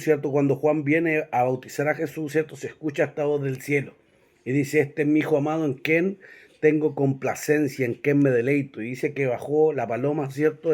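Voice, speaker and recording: A man's voice: on the high side, darkish tone. A man teaching a Bible class, reading verses aloud and often checking in with his listeners. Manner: reads scripture aloud and directs listeners to verses.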